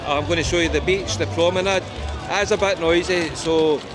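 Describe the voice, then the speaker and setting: A travel vlogger with a broad Scottish accent walks along a busy seaside promenade, chatting casually and rambling with plenty of ums, wee and aye. His voice is on the high side, fairly quick with fairly even intonation. Crowd chatter and festival music make the outdoor recording noisy.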